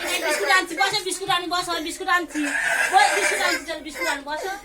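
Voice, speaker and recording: In a busy, loud classroom, a woman teacher with a very high-pitched, rapid-fire voice coaxes and scolds a crying child, repeating commands over and over. Children can be heard crying and chattering in the background.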